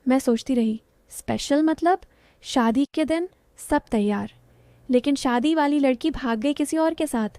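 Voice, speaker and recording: A woman's voice: high voice, moderate pace, dark tone, clean tone, dry recording. A woman narrating an emotional first-person story in a confiding storytelling manner.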